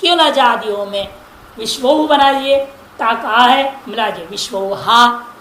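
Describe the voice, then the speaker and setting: A man teaching Sanskrit grammar in a classroom lesson, chanting word forms slowly and correcting pronunciation with repeated examples. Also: very high-pitched, pushed and bright. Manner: recites word forms in slow drawn-out chants. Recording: echoey room with faint noise.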